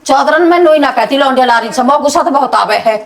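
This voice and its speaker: A woman's voice: sits high, fast, music in the background. A woman playing a bossy aunt in a comedy skit, scolding the family to get ready. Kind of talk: comic skit acting.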